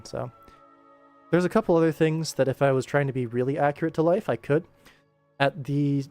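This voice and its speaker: Casual, rambling commentary comes from a young man hosting a livestream as he works on animation. He speaks at a medium pitch with a slightly mellow quality.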